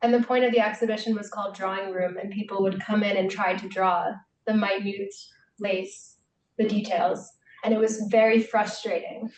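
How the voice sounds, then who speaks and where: A woman's voice: mid-range voice, steady tone, normal speed, a little hiss or hum. Young woman asking a question from afar. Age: young adult. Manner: polite, slightly hesitant. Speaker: audience member asking a question. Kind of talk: question from the floor. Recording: distant, dull and echoey.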